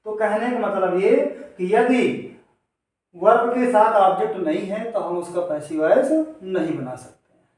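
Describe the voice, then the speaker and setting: Male teacher, high-pitched, distant from the mic, step-by-step classroom explaining, asks and answers his own questions. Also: a little slow, darkish tone. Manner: addresses students directly. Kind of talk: classroom grammar lesson. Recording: echoey room, voice away from the mic.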